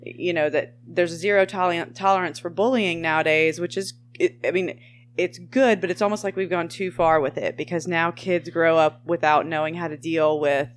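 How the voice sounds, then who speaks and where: A woman's voice: lowish voice, fairly even intonation, normal speed. A woman co-hosting a podcast, chatting casually in a rambling way with trailing starts. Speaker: podcast co-host. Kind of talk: casual chat.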